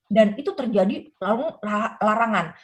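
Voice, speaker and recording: A woman speaks as a guest author in an interview, laying out parenting concepts. She explains patiently and checks in with her listener through small tag phrases. Her voice sits at an average pitch for a woman. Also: expressive, normal speed. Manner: explains with frequent "gitu ya" tags and quoted examples.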